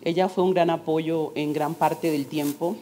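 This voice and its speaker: A woman's voice: deep voice, fairly even intonation, measured pace, dark tone, a little hiss or hum. A woman in her forties giving a testimony sermon to her congregation, earnest and direct, asking rhetorical questions.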